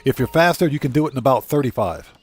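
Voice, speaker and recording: A man's voice: mid-range voice, lively intonation, fast, husky, soft background music. A man hosting a live game stream, chatting casually with viewers and repeating himself for emphasis, over game noise.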